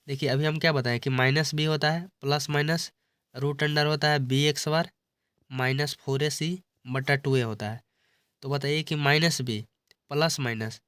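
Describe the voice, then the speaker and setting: A man's voice: medium pitch, a bit bright, clear, resonant tone, no room sound. A man teaching an exam-prep maths lesson, explaining step by step and repeating himself often. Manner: repetitive explaining, often says "see" and "understand".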